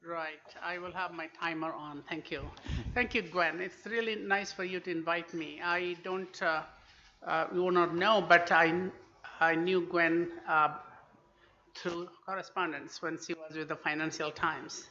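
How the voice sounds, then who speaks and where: A man from India, a professor of international relations, gives a lecture-style book talk and tells anecdotes. His voice is fairly high, sharp and fairly even in intonation, and his measured pace is hesitant, with many "uh" fillers. The recording is dull and lo-fi.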